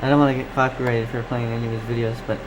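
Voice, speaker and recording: A radio hobbyist from Canada runs a casual live stream, reading viewer comments, responding, and wandering off in distracted thought. He speaks rapid-fire in a flat, medium-pitched voice, with background noise.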